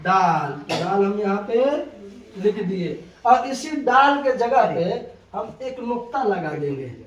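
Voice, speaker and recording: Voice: medium pitch, very animated, slow pace. Teacher quizzing students over and over, patient, kinda far from the mic, dull lo-fi sound. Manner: patient, repeats questions and answers to check understanding. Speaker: Urdu teacher. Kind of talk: classroom lesson with question-and-answer drills. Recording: roomy, distant, dull lo-fi recording with loud noise.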